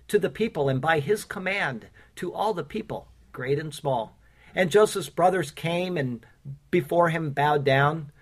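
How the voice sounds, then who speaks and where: A pastor preaching a sermon with casual asides and fillers, who reads his own rhymed Bible poem in a measured cadence. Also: a little high, a bit bright. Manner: earnest, recites rhymed verse in a measured cadence.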